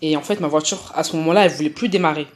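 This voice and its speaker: A woman's voice: low voice, very fast. A woman narrating a personal story in casual slang, chatty and full of fillers, hosting her own channel. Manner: slangy, chatty, acts out dialogue.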